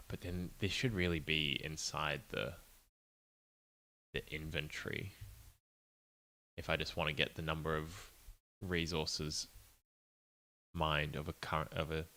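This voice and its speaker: A man's voice: very deep voice, fairly even intonation, slow pace, pauses often, bright, forceful tone. A young man streaming as an indie game developer, muttering and thinking aloud in a casual, apologetic way. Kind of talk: casual live-stream chat while coding.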